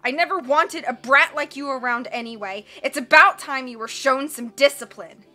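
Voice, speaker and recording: Pitching her voice above her natural range, a woman plays a greedy, blustering middle-aged villain in an audiobook, growling, sneering, and roaring at everyone in a snarl. The voice is high, bright, and forceful at normal speed, with soft music in the background.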